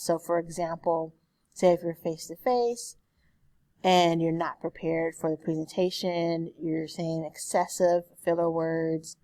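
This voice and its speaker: A woman's voice: on the low side, darkish tone, dry recording. A woman speech instructor giving a recorded online lecture in a conversational way, often correcting herself. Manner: conversational, frequent self-corrections and "excuse me".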